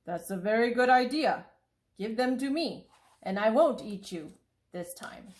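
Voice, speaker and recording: Woman voicing a storybook tiger, greedy, boastful, slow, drawn-out. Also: on the high side, animated.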